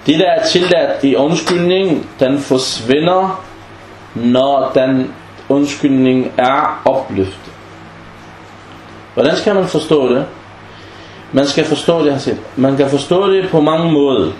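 A man with a medium-pitched voice teaches a class on Islamic legal maxims, pausing often to ask his students questions and act out small example dialogues. His voice echoes in the room over a faint background hum.

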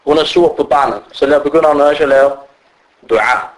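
High-voiced man preaching a lively sermon. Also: rough recording. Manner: animated storytelling that acts out quoted people.

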